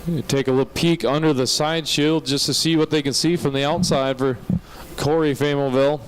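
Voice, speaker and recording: Higher-pitched American man, tractor pull announcer. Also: fairly even intonation, fairly quick. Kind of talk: live tractor pull commentary. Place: outdoor motorsport track. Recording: noisy outdoor event, vehicle engines.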